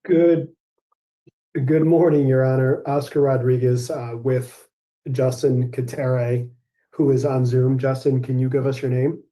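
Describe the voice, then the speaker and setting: A man speaking as an attorney, formally and a little haltingly addressing the judge in a courtroom recording. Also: medium pitch, fairly even intonation, warm tone, poor audio.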